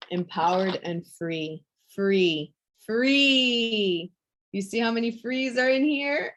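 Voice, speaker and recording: A woman leading a group coaching call, speaking softly and affectionately and lingering over repeated words. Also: medium pitch. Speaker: women's empowerment coach.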